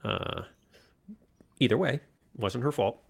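A man's voice: medium pitch, takes it slowly, vocal fry, breathy edge. A man, a podcast co-host telling a casual story and acting out the voices of the people in it. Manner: animated anecdote telling, acts out quoted voices.

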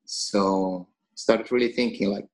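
A Finnish gym owner and coach chats casually in English on a podcast, his Finnish accent clear and laughter slipping in between phrases. He speaks slowly in a fairly low, steady, darkish voice.

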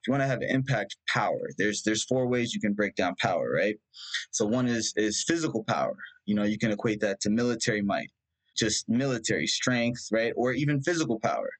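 Fairly low in pitch and fairly quick, this young Indian man, whose first language is Punjabi, reflects on his past as a guest. The talk is personal and rambling, with many fillers and restarts, and the recording quality is low.

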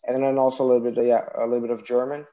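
A man from Iraq who speaks, answering interview questions in a thoughtful, hesitant way. His voice is mellow and dark, and the sound is slightly dull and lo-fi, like remote call audio. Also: medium pitch, little pitch movement, very fast. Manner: thoughtful, hesitant, many restarts and fillers. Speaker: guest, partnerships and marketing executive.

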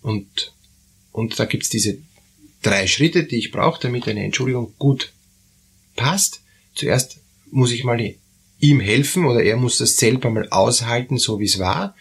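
A man's voice: mid-range voice, unhurried, creaky, husky. A man from Austria with an Austrian accent, explaining guilt feelings in a thoughtful talk, often restarting phrases and checking in with listeners. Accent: Austrian German.

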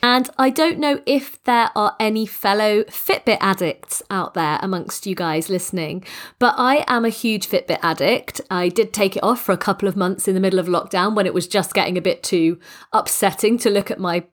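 A croaky, congested woman in middle age talks alone into a close podcast microphone. She's a business coach, motivational and enthusiastic, and her sentences run long. Her pitch sits in an ordinary middle range. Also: moderate pace. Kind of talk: solo podcast monologue.

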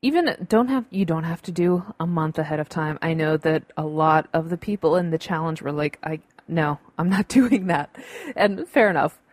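A woman's voice: low voice, fairly quick, few pauses, no echo. A woman hosting a solo podcast, giving casual advice in an upbeat, chatty, emphatic way. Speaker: podcast host. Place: home room with windows open.

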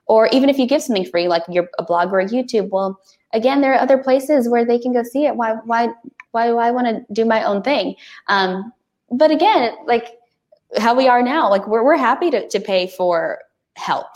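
A woman talking as a guest on a podcast in a lively, casual way, often laughing and restarting her sentences. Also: a little high, moderate pace.

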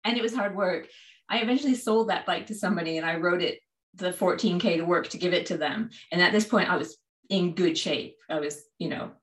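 A Canadian-accented woman from Halifax who owns a cycling shop tells stories as a podcast guest, chatty and self-deprecating. Her voice is fairly low and brisk, and the room around her is echoey.

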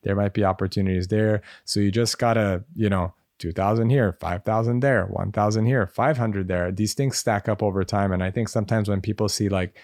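Low-voiced American man giving practical advice. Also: steady tone, brisk, few pauses, a little mellow, no echo, studio quality. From United States. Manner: conversational, many fillers, practical advice. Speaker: medical school admissions advisor. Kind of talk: podcast interview answers.

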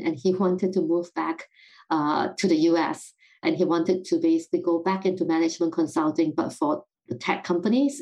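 In a rough recording, a middle-aged Singaporean woman who founded a company talks warmly and at a fairly low pitch as a podcast guest. With her Singaporean-British accent, she sounds introspective and thoughtful, often with a light laugh.

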